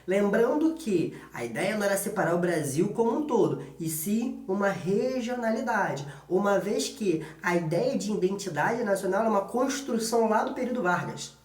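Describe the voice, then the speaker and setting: His voice sits high as this Brazilian-accented man gives a casual history exam-prep lesson as a teacher. He talks colloquially and checks in frequently with short tag questions, all captured in an echoey room.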